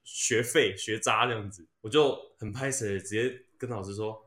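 A man's voice: on the low side, moderate pace, fairly bright tone. A young man with a Taiwanese Mandarin accent, casually telling self-mocking stories, swearing freely and laughing as he talks. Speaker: podcast co-host. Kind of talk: casual storytelling chat. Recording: roomy echoey room.

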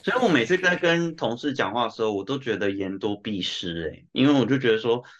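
With lively intonation and a quick pace, a medium-pitched, fairly bright male voice chats casually on a podcast. He has a Taiwanese Mandarin accent, lives and works in Japan, explains with examples and throws in some Japanese and English words; the recording is dull and lo-fi.

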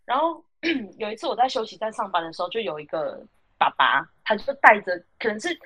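A woman's voice: mid-range voice, a little fast. A woman with a Taiwanese Mandarin accent hosting a podcast, telling work stories in casual chat and acting out the people in them. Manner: animated, acts out the voices of customers and friends. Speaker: podcast host.

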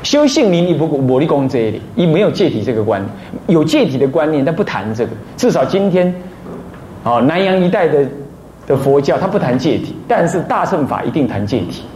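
A man's voice: fairly high pitch, big pitch swings, a little fast, warm tone. A man from Taiwan, a Buddhist abbot, giving a dharma talk, mixing in phrases and often asking listeners rhetorical questions. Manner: mixes Taiwanese phrases into Mandarin. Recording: roomy echo, faint noise.

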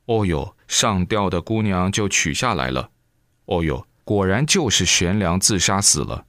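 A man reciting a sermon as a lively folksy story full of exclamations, close to the mic. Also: low voice, a little slow, no echo.

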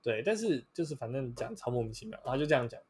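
A man's voice: medium pitch, big pitch swings, racing, a little mellow, husky. A young man with a Taiwanese Mandarin accent hosting a casual solo podcast, blunt and rambling, swearing freely with lots of fillers. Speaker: podcast host.

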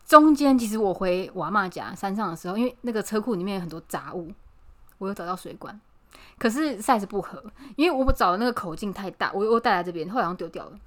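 A woman's voice: medium pitch, expressive, quick pace. A woman chatting casually as a co-host, telling a story with animation and frequent laughter. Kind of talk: casual chat.

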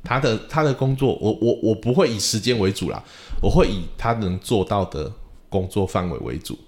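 Male podcast host and drum teacher, lowish voice, animated storyteller who plays out conversations. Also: moderate pace. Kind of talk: casual podcast chat.

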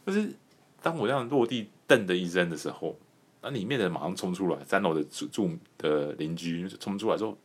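A man with a very low voice tells a comic story from his own life, his pitch swinging widely as he goes. He hosts a podcast and laughs often between lines. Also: fast, slightly rough. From Taiwan. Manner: animated, laughs often while telling. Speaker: podcast host.

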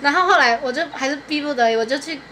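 Young female guest, high-pitched, relaxed chatter, faint fan hum in the room. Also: very fast. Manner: relaxed, chatty, laughs along. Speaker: podcast guest. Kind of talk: casual chat.

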